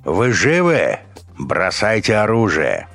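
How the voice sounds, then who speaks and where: A man's voice: sits low, normal speed, fairly bright tone, soft background music, voice pushed up. A man voicing a furious, hardened male commander who barks orders in an audiobook. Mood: barking. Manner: barking, commanding.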